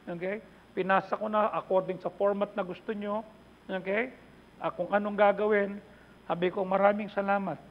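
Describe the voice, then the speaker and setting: Middle-aged Filipino pastor, high gravelly voice, chatty sermon, muffled recording. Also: male voice, fairly even intonation, moderate pace. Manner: mixes Tagalog and English, chatty asides to the congregation. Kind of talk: conversational sermon. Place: church hall. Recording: dull reverberant church hall recording.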